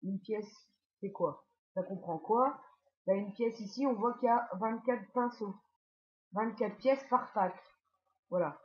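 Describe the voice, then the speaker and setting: Brief: woman, chatty tutorial host, mid-pitched, slightly muffled lo-fi recording. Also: unhurried, long pauses. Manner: chatty, many fillers and asides. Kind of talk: casual screen-walkthrough tutorial.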